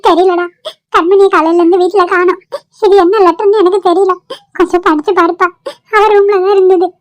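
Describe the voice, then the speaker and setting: A fretful old grandmother, voiced by a woman wails and pleads in a high, thin voice. This is a homemade cartoon with dry, close audio. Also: steady tone, a little fast, no room sound. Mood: tearful. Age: older. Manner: wailing, pleading, high-pitched. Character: fretful elderly grandmother, weepy yet kindly. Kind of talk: amateur cartoon voice acting.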